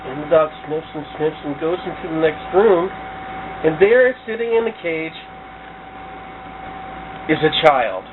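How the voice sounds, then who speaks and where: A man spins a fairy-tale turn in a card game with a lively, swooping voice and a playful manner. The sound is tinny and lo-fi, with clear hiss and noise behind him. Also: on the high side, a little slow, pauses often. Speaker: player narrating. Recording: tinny lo-fi home recording with noise.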